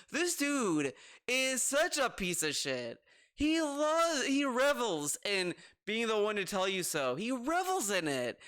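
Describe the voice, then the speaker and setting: A man's voice: high voice, a bit bright, smooth. A man giving casual reaction commentary, ranting with exasperation, swearing and mockingly quoting the person he criticises. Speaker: commentator reacting to another streamer.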